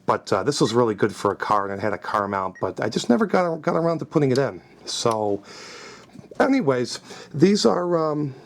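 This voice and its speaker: Showing his scanner collection, a middle-aged American hobbyist explains things informally and conversationally in a gravelly, sing-song voice of medium pitch at normal speed. Background noise is noticeable.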